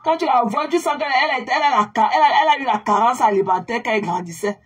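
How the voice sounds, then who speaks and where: Racing along in a husky, somewhat high voice, a woman online commentator hurls scornful insults at a rival. She's mocking and repetitive, stretching out words in a sneering drawl.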